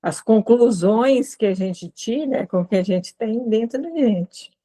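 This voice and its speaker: Mellow woman explaining calmly. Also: on the high side, a little slow. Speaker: discussion group participant. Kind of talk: casual group discussion.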